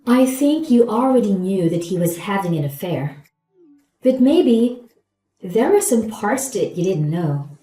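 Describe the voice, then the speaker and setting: A woman's voice: medium pitch, very animated, measured pace, dark tone, roomy sound, soft background music, rough recording. A woman acting a gloating, falsely polite new wife in a scripted story, with a saccharine, condescending manner. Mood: smug.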